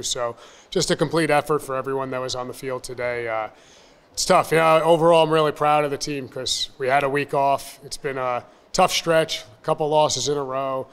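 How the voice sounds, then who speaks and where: A man in his thirties, a baseball coach, answering questions at a postgame press conference in a measured, upbeat, plain-spoken way from a table mic. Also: mid-range voice, smooth, long reverb tail. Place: press room in front of a sponsor backdrop. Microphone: table mic on a stand.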